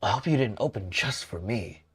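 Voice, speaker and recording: A man's voice: on the low side, animated, moderate pace, husky, no room sound. A man voicing a young adult traveler in a story game, chatting casually. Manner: casual, friendly small talk.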